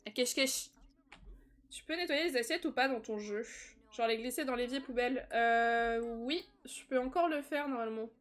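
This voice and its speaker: With a slightly high voice and a moderate pace, a young woman chats casually through a live stream of a life-simulation game. Laughter comes often, along with bursts of excited squealing.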